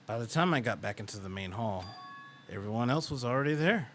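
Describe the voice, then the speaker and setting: A man's voice: medium pitch, expressive, brisk, fairly bright tone, slight background noise. A man giving playthrough commentary and reading a game's story aloud in a dramatic style. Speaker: gamer reading a game aloud. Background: faint game music.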